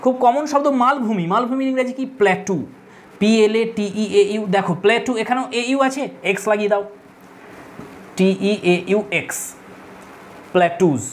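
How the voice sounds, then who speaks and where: A woman's voice: a little high, a little fast. A woman teaching an English grammar class. She speaks patiently, spelling words out letter by letter and asking the students questions. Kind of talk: classroom lesson.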